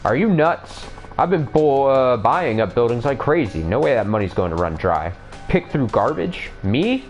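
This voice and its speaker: A man's voice: low-pitched, animated, brisk, faint music behind. A man voicing an angry, boastful rich thug from a video game, reading his lines in character. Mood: outraged. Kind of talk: game dialogue read aloud in character.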